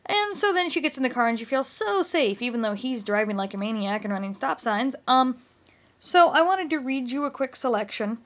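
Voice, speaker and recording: A woman's voice: a little high, animated, a little fast, fairly bright tone. Sardonic young woman giving casual commentary. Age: young adult. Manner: sardonic, pointed. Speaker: book critic reading aloud and commenting. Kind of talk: casual critical commentary with read-aloud passages. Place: small indoor living room, on a couch.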